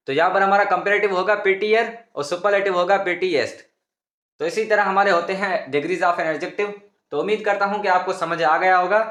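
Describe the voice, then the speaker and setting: A man's voice: high-pitched, fairly bright tone, echoey room. A man teaching English grammar in a patient, repetitive lesson, often calling his viewers students. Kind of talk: explanatory classroom lesson.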